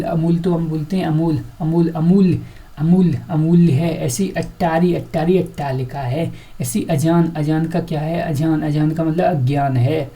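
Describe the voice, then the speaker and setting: A woman's voice: deep voice, dark tone. A woman teaching an exam-prep grammar lesson, asking the class questions and answering them herself, repeating each word several times.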